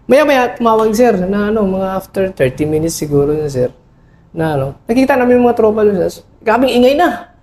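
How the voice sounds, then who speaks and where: A middle-aged man, an army officer, recounting a battle in an interview, halting and full of fillers, respectfully calling his listener sir. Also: sits high, big pitch swings, a little mellow, slight background noise. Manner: respectful toward a senior officer. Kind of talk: interview recollection.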